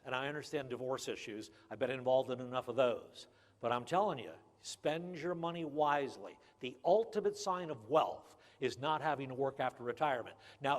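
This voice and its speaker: An older man giving a humorous graduation speech, folksy and emphatic, often repeating key phrases. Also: mid-range voice. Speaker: graduation speaker. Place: large ceremony hall. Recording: long hall reverb.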